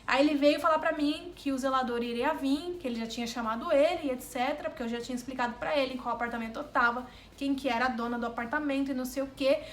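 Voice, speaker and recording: A woman vlogger from Brazil telling a travel mishap story to her viewers in a casual, animated way, often repeating words for emphasis. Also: high-pitched, fast, few pauses, roomy sound, a little hiss or hum.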